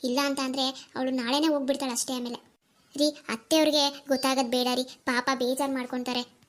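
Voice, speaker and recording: Woman doing a high, gentle young wife in a cartoon, soothing her husband. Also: level tone, fairly quick, close to an everyday voice. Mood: agreeable. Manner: soft, reassuring. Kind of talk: cartoon dialogue acting.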